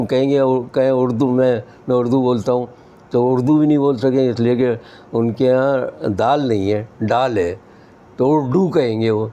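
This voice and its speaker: An older Pakistani-born humor columnist talks in a relaxed, anecdotal way, slipping into playful imitations of how others mispronounce words. His voice is mellow and dark, sitting at an ordinary male pitch. The delivery is wry and unhurried, like a storyteller at ease. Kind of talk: relaxed anecdotal talk on language.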